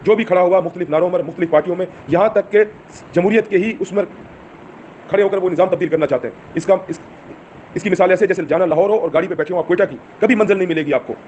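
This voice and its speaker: A man's voice: high-pitched, darkish tone, muffled recording, a little hiss or hum. A man giving an impassioned speech to his followers, urging them on with rhetorical questions. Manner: urgent, exhorting, rhetorical questions. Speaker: movement leader addressing followers.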